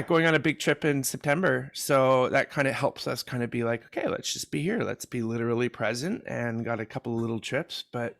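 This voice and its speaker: A man's voice: mid-range voice, vocal fry, a bit bright. A man in his fifties co-hosting a podcast, chatting casually and joking, rambling with fillers. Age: 50s. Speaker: podcast co-host. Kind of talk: casual chat.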